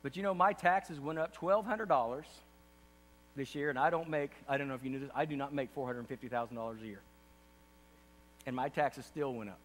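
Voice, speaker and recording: A man's voice: medium pitch, a little fast. A middle-aged man, a pastor, giving an earnest state-of-the-church address from a podium on a large auditorium stage, rising to impassioned emphasis. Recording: distant reverberant hall with faint hum.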